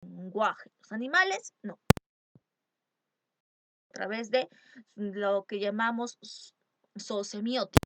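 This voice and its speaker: A woman's voice: medium pitch, animated, takes it slowly, pauses often, heavy background noise. A woman teacher giving an exam-prep lecture, stressing key terms and asking rhetorical questions. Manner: emphatic, asks rhetorical questions.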